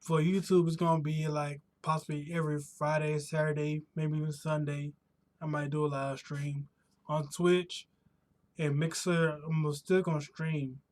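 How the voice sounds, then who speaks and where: Rambling higher-pitched American man streaming. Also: flat delivery, unhurried, a little mellow. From United States. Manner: rambling, restarts and rephrases often. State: voice slightly worn from pollen allergy. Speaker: live streamer. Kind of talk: casual live-stream chat. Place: home streaming room.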